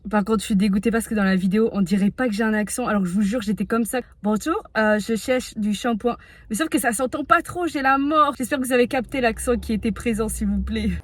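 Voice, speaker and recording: A young woman vlogging casually, chatty and self-mocking, quick to exclaim. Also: on the high side. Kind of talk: casual vlog chat.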